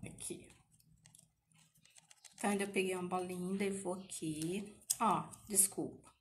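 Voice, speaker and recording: A woman over fifty from southern Brazil, chatting warmly as she teaches a live craft tutorial, often checking in with her viewers. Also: lowish voice, fairly even intonation, measured pace, a little hiss or hum. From Paraná, Brazil. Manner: chatty, emotional, speaks to viewers with many tag questions.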